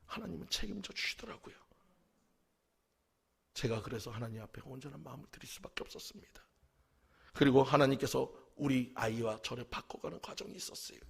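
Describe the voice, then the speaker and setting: A man preaching as a pastor, telling a personal testimony and swinging from hushed whispers to crying shouts. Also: sits high, vocal fry. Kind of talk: emotional testimony sermon.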